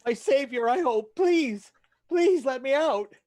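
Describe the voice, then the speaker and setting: A man's voice: very high voice, animated, slow pace, a little mellow, dry recording, full character voice. A man voicing a desperate spirit trapped in a locked chest, pleading in a muffled voice. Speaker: player.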